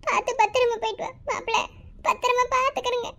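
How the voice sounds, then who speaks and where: A woman doing a fond village mother in a cartoon, speaking with a Madurai Tamil accent in a very high voice. She gives warm advice and chuckles through tears. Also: flat delivery, fast. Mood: advising. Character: fond village mother advising her daughter. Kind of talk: cartoon voice acting.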